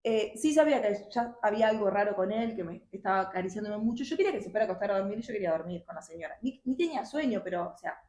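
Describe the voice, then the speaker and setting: A young woman telling her personal testimony in a halting, emotional way with many restarts. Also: mid-range voice, animated, a little mellow, a little hiss or hum. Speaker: guest sharing her testimony. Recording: roomy echo.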